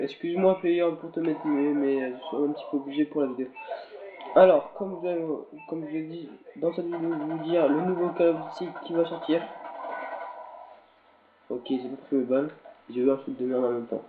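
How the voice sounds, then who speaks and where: A slightly sick man rambles through casual gameplay commentary, stopping and restarting as he talks to his viewers. His voice sits a little high for a man. It comes through a tinny, phone-like capture with an echo and faint game sounds behind it. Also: steady tone. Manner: rambling, halting, talks to viewers while playing. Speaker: gaming video commentator.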